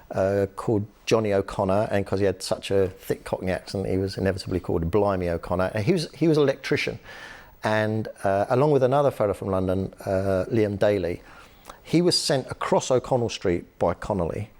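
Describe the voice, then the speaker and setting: A man with a fairly low voice recounts historical episodes in a conversational interview. He tells the stories with energy, often pausing on fillers and restarting his sentences. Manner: lively storytelling with frequent fillers and restarts. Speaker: author and human rights activist, guest.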